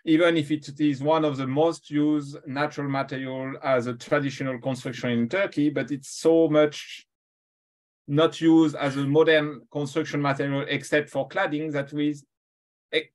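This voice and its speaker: A man moderating a webinar, introducing a guest in unscripted, hesitant phrases with pauses. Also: fairly high pitch, fairly even intonation.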